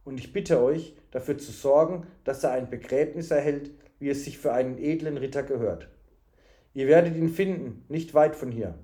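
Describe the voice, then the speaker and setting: A man voicing a calm young messenger. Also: medium pitch, moderate pace, natural voice. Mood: solemn. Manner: calm, earnest.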